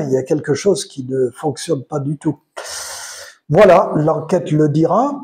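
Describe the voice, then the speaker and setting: An older retired man with a Provençal French accent, musing in a casual solo monologue, pausing often with fillers. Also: fairly high pitch, warm tone. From France. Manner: hesitant, many pauses and fillers; unhurried, chatty. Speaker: retired commentator.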